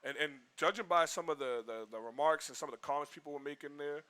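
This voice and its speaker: A man rambles through casual stream talk, piling on "like" as he goes. His voice sounds bright and forward. He keeps a loose, animated delivery throughout. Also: on the high side, fast, clear, resonant tone. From Boston, US. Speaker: livestream co-host. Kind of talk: casual chat.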